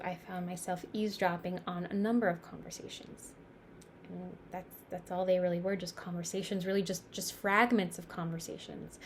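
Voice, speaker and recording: A woman playing a reflective New Yorker in an intense dramatic stage monologue, speaking in a halting, confiding way. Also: mid-range voice, a little hiss or hum, natural voice. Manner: halting, confiding, pausing and repeating words for emphasis. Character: reflective New York woman musing on mortality. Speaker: actor performing a stage monologue.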